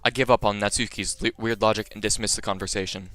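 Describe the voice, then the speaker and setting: A man's voice: lowish voice, fast talker, no echo, soft background music. A young man reading a visual novel aloud on a live stream, joking with his chat between lines. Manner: animated, jokey, chatting to viewers between lines.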